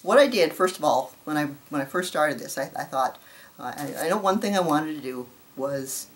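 A woman's voice: deep voice, animated, normal speed, slight background noise. A middle-aged woman hosting a casual show-and-tell craft vlog, chatty and self-deprecating, with fillers and restarts. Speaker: flosstube host.

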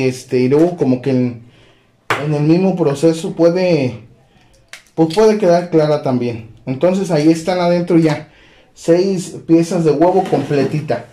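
A man hosting a home cooking demonstration, talking in a relaxed way with lots of fillers as he addresses viewers as friends. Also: a little high. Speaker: cooking channel host. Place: home kitchen. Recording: echoey kitchen with faint noise.

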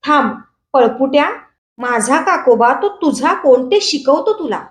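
A woman reading a storybook aloud, voicing a hot-headed, defiant village youth who shouts dares. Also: sits high, expressive, a little slow, roomy sound.

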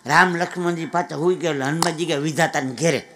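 A man telling comic folk stories on stage, lively and chatty, with asides to the audience. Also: on the high side, fast talker. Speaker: folk comedian. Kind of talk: live dayro comic storytelling. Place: live stage event with an audience.

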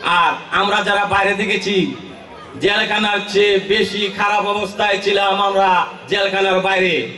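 A man with a Bangladeshi accent giving an emphatic, declamatory political rally speech, often raising his voice to a shout. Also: high voice, flat delivery, unhurried. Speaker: political party leader speaking at a rally. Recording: echoey, distant public-address sound.

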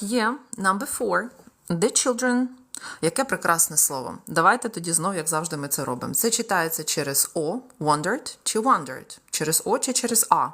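A young woman with a Ukrainian accent leads a live-streamed English exam-prep lesson in her native Ukrainian. Her voice sits a little low. She switches into English to read example sentences slowly and with care. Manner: lively, reads example sentences aloud slowly. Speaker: English tutor.

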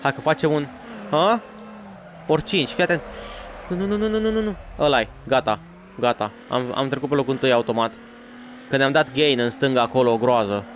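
A male gaming YouTuber talks through a racing game in excitable, slangy bursts, calling out points and teasing his viewers. His voice sits at an ordinary mid pitch. Faint engine and game noise runs underneath. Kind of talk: let's play commentary.

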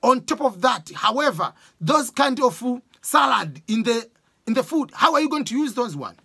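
A man in his forties from Tanzania with a Tanzanian accent, giving animated casual exam advice to a close camera in a small room. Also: very high voice, moderate pace, creaky, breathy edge. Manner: animated, gestures a lot, uses sports examples. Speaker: education vlogger. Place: small room with bookshelves, indoors. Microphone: camera close up, webcam framing.

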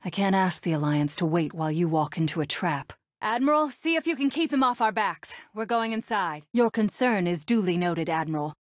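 An actress playing a young, resolute and haughty rebel princess in a video game, with an assertive, dryly sardonic delivery. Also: female voice, on the low side, brisk, hardly any pauses, no room sound, studio quality, lightly acted. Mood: businesslike. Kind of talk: video game character voice clips.

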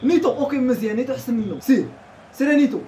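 A Moroccan-accented woman commentating her own gameplay at a breakneck clip. Her voice sits a little high and swings widely in pitch as she laughs and yells at the match. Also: racing, a little hiss or hum. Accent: Moroccan Arabic. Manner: excitable, laughs often and shouts at the game. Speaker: gaming YouTuber.

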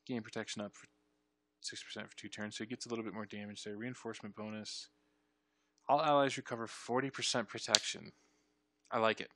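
A young man streaming, reading game ability text aloud and reacting with excited bursts in casual commentary. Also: on the low side, a little fast, pauses often, a little hiss or hum. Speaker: streamer reviewing game ship changes.

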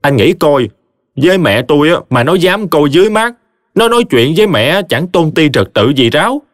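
A man's voice: on the high side, very animated, normal speed, no room sound, studio quality, pitched above the performer's own voice. A man voicing a brash, blustering young husband from a village, ranting. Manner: loud, ranting, complaining.

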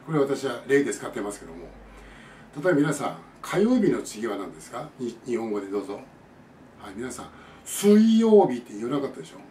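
A man giving a spoken pronunciation lesson, explaining patiently and repeating example words slowly. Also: medium pitch, sing-song, a little mellow. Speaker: English conversation teacher. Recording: echoey room, distant mic, faint noise.

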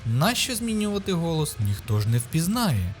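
A man's voice: on the high side, big pitch swings, normal speed, soft background music. A man with a Ukrainian accent hosting his channel, narrating a mock guide in a sarcastic, ironic tone. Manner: mocking, ironic. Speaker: YouTube host.

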